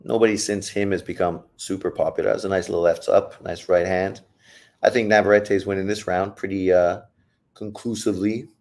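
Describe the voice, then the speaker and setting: This deep-voiced adult man, old enough to remark that he got old, gives loose, live commentary on a boxing bout from his stream, swearing freely and joking between punches. His low voice keeps a steady tone and fairly quick pace, casual and blunt, as he yells encouragement at the fighters and reads out viewer questions.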